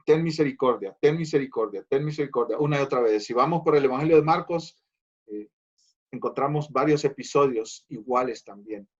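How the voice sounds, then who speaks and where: A man's voice: medium pitch, a little fast, a little mellow, muffled recording. Earnest pastor repeating phrases, man. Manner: addresses listeners as brothers. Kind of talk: bible study sermon.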